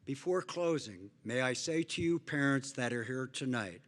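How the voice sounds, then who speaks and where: An older man giving a hall of fame acceptance speech, earnest and emphatic, with some halting restarts. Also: mid-range voice, lively intonation.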